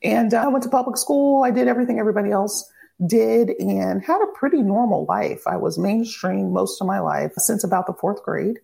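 As a podcast interview guest, a woman in her thirties, an author and advocate from Virginia near Washington DC, tells her life story candidly and upbeatly. Her mellow, medium-pitched voice has vocal fry and moves fairly quickly.

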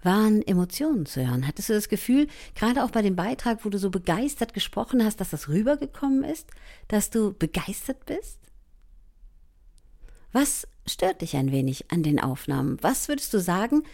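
Warm-voiced woman coaching the listener. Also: medium pitch, sing-song, normal speed. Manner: encouraging, addresses listener directly, soft asides. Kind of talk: guided voice training lesson.

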